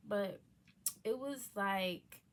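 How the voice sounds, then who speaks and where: A woman's voice: mid-range voice, drawn-out words, a little hiss or hum. A young woman casually telling a personal story, candid and profane, dropping into whispers for asides. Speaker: vlogger telling her surgery story.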